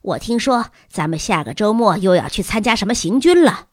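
A woman's voice: medium pitch, expressive, fairly quick, dry recording, studio quality, natural voice. A woman voicing a schoolgirl with a cold who talks in a reproachful, sniffly way.

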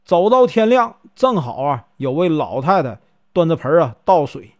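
A man telling a folk tale in a lively, chatty way, with drawn-out fillers. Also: a little high. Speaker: storyteller. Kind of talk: folk storytelling narration.

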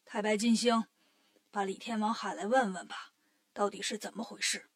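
A woman voicing the Jade Emperor, an old male ruler who dodges trouble, speaking slowly in a low, half-whispered voice. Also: fairly even intonation, lightly acted. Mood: evasive.

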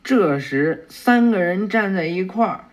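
A man's voice: high-pitched, animated, unhurried. A man casually retelling a cartoon episode, chatty, with many fillers and self-corrections. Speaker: storyteller retelling an anime episode. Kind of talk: casual oral retelling with acted voices.

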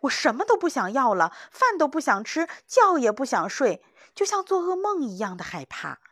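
A woman voicing a frightened, panicky young male hunter who pleads in high, breathless cries. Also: sing-song, normal speed, no echo, clean studio sound. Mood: panicked.

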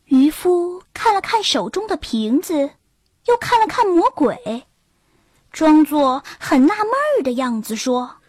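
A woman narrating a children's storybook in an expressive storytelling manner. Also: high voice, a little slow, dry recording, clean studio sound. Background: faint background music.

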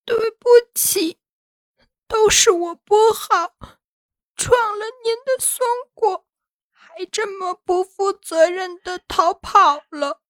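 A woman's voice: extremely high pitch, slow, fairly bright tone, no room sound, voice pushed up, heavily acted. A woman voicing a small, timid young male fox cub, apologizing through tears. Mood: tearful. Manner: timid, tearful.

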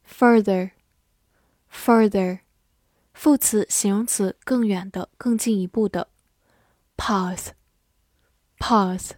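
A woman teaching English vocabulary in a scripted lesson, spelling out words and reading example sentences slowly and carefully. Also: medium pitch, a little mellow, dry recording, clean studio sound.

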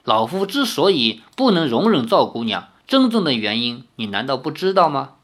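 A man's voice: mid-range voice, sing-song, normal speed, fairly bright tone. Man doing a grave aging sword master. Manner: heavy sighing, grave. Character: stern aging male martial arts leader.

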